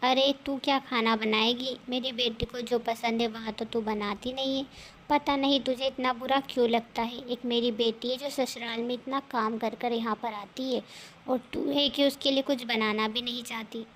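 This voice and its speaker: A woman's voice: fairly high pitch, fairly even intonation, normal speed, slight background noise, lightly acted. A woman voicing a bossy, scolding older mother-in-law in a cartoon story. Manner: scolding, taunting.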